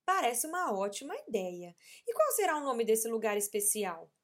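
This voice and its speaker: A woman voicing a patient, gentle mother in a children's story, speaking in a soothing, coaxing way. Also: on the high side, very animated, moderate pace.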